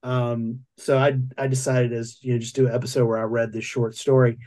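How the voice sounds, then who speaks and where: A man's voice: medium pitch, level tone, brisk, darkish tone. A man hosting a podcast, chatting casually and rambling with lots of fillers and restarts. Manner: rambling, hesitant with many fillers. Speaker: podcast host. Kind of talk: casual chat.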